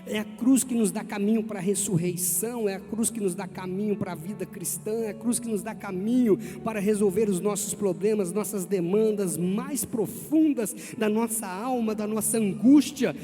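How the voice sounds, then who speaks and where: A man with a Brazilian Portuguese accent preaching a sermon as pastor, animated and calling on the congregation to respond. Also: high voice, normal speed, hardly any pauses. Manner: animated, calls on the congregation to repeat after him. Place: large church hall. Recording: long church-hall reverb, faint music.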